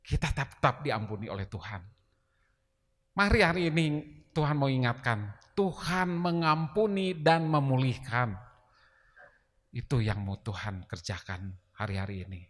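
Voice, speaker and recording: A man's voice: medium pitch, animated, measured pace, pauses often, a bit bright. A man preaching a sermon in a church, emphatic and asking the congregation rhetorical questions. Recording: long reverb of a church hall.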